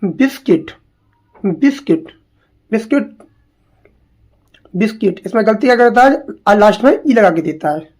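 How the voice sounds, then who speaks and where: A woman teaching English spellings to exam students, repeating each word slowly and asking questions as she goes. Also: mid-range voice, animated, darkish tone. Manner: slow, drilling, repeats words and asks questions.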